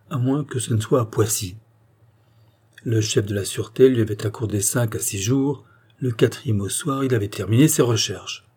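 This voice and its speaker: A male audiobook narrator with a dark, husky voice. He reads the novel in a measured storytelling manner, steady and unhurried. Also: medium pitch. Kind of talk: scripted narration.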